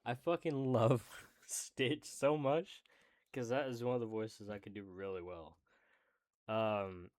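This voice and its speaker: Low-voiced man reading aloud slowly. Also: steady tone, darkish tone. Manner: casual, swears in side remarks. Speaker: streamer reading a book aloud.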